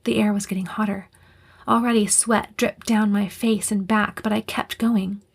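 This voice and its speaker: A woman reading a first-person audiobook, her narration tense and breathy, often dropping into a half-whisper. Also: medium pitch, little pitch movement, moderate pace.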